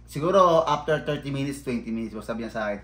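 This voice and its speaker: A man in a casual vlog, ranting bluntly and swearing freely, swinging between mumbled low asides and loud outbursts. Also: lively intonation, quick pace, echoey room. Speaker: vlogger.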